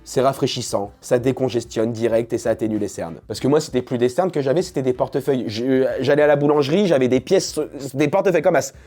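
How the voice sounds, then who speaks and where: A man's voice: mid-range voice, fast, hardly any pauses, mellow, faint music behind. A young man from France talking in a casual, slangy, jokey vlog style. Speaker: YouTuber.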